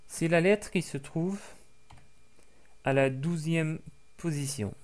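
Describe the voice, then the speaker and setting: Here a man with a slightly high voice teaches Arabic to French speakers. Frequent hesitations break up his slow, word-by-word repetition meant for practice.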